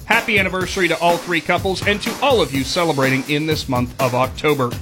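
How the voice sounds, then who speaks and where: A man's voice: a little high, fairly even intonation, fast talker, over music. A man hosting a morning radio show, announcing in an upbeat style.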